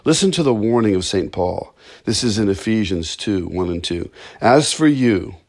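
A man preaching a sermon in an earnest, measured way, slowing down to stress key words. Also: on the low side, lively intonation, a little mellow.

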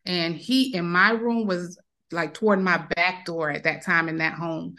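A woman's voice: on the low side, fairly even intonation, a little slow, sharp tone. A woman in her thirties, a podcast guest, telling a personal story in casual talk and acting out the voices of the people in it. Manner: emotional retelling, acts out quoted voices.

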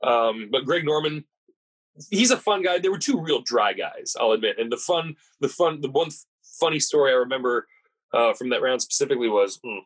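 Husky-voiced man telling rambling stories. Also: medium pitch, fairly bright tone, low-quality recording. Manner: digressive, chatty, with self-correcting asides. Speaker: podcast host and golf caddie. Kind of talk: casual rambling anecdote.

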